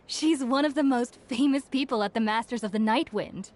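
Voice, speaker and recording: A woman's voice: on the high side, a little slow, a little mellow, natural voice. A woman playing a cheeky, genial young tavern keeper in a video game, chatty and polite. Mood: teasing, cheerful. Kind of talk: animated video game acting. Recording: music behind the voice.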